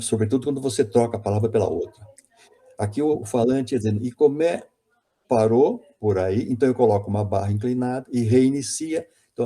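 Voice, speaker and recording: A man's voice: medium pitch, dark tone. A man giving an academic conference lecture on linguistics, hesitant and self-correcting, often repeating words.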